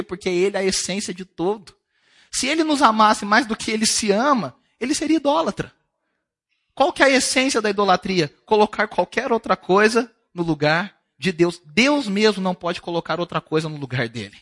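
A man's voice: high-pitched, a bit bright. A male pastor preaching a sermon at a church service, talking to the congregation in a conversational way and asking them questions.

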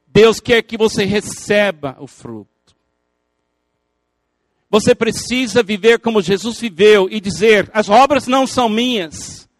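With a native English speaker's lilt, an older man preaches as a pastor, his earnestness rising as he repeats phrases for emphasis. The recording is dry and close, with no room around his voice, which is high for a man. Playful asides to his listeners punctuate the sermon.

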